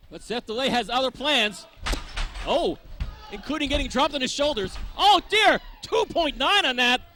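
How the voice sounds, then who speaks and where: A man calls a wrestling match live as play-by-play commentator. His voice sits very high for a man and has a bright, cutting edge. He phrases his calls in a wordy, descriptive way. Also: lively intonation, normal speed.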